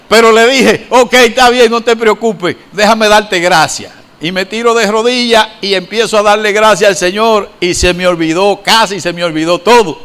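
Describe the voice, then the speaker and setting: High-voiced pastor telling a story. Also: male voice, clear, resonant tone. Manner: animated storytelling, voices the characters in his anecdote and laughs as he tells it. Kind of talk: sermon with personal story.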